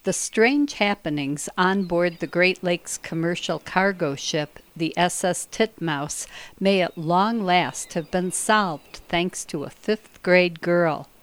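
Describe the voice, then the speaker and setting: A woman host delivering a mock newscast in a crisp, scripted style. Her voice sits on the low side. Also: takes it slowly. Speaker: radio show host.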